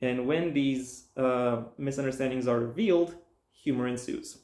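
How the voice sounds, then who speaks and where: A man giving a casual spoken book review, rambling and halting with frequent restarts, sometimes breaking into emphatic mock-stern rants. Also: medium pitch, a little mellow. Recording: echoey room.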